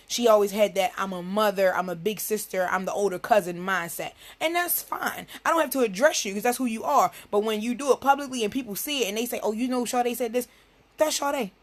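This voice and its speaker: A woman, hosting a live talk show in a blunt, profane, emphatic monologue. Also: a little high. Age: 30s.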